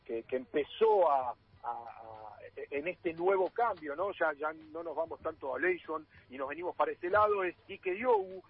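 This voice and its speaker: A man's voice: a little high, huge pitch swings, normal speed, vocal fry, breathy edge, no room sound. A man with an Argentine accent, a radio sports columnist explaining things in a panel talk, with many fillers and restarts. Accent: Argentine Spanish. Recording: muffled, phone-like line.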